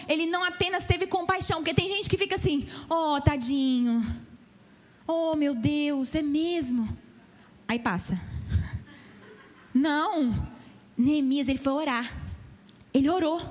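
A middle-aged woman pastor preaches to her church in a high, bright-pitched voice. She is emphatic and keeps asking her listeners pointed questions. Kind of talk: sermon.

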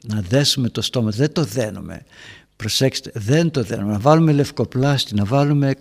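A man, a priest, speaks to a gathering of parents with a gravelly, fry-edged voice. He tells anecdotes and addresses his listeners as his dear ones. The sound rings with the long reverb of a church hall. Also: mid-range voice, lively intonation. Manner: storytelling, acting out dialogues in raised voices. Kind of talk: homily to a parents' group.

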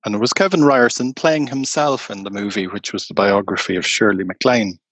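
A man, a tour guide, telling stories slowly and unhurriedly in an interview. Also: on the low side, husky, no echo. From Ireland. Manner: slow, unhurried anecdotal telling. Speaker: tour guide and storyteller guest. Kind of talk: conversational storytelling interview.

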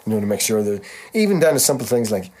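A middle-aged touring musician in casual chat, swearing freely and acting out quoted lines in a raised voice. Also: male voice, on the low side, very animated, fast, a little mellow. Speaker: touring musician, podcast host.

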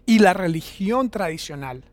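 A man's voice: sits high, animated, moderate pace, no room sound. A man in his thirties preaching a sermon in a conversational, storytelling way, often checking in with his listeners. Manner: conversational, anecdotal, frequent "¿verdad?" tag questions. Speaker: pastor.

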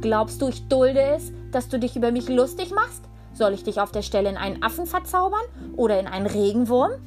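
A woman's voice: medium pitch, animated, faint music behind, close to an everyday voice. Woman playing a pompous old sorcerer. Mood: furious. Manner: loud, haughty and quick to anger.

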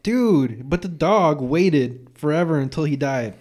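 A man's voice: fairly high pitch, lively intonation, a little slow, a little mellow. A man chatting casually, reacting to friends with slang and swearing. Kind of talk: casual chat.

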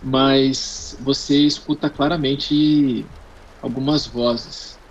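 A man narrating as game master of a tabletop game, drawn-out and relaxed. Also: mid-range voice, slight background noise. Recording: dull lo-fi recording.

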